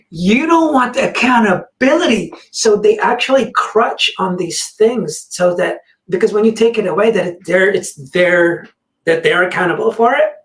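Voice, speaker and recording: A podcast host telling a story in a casual chat, acting out the other people's words with lively energy. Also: medium pitch. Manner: animated, acts out quoted dialogue. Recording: roomy, distant mic.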